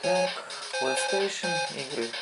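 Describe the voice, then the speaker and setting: A man giving casual gameplay commentary as a console reviewer, thinking aloud haltingly as he plays. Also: high-pitched, animated, low-quality recording. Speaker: video game console reviewer. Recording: loud game music behind voice. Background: loud video game music.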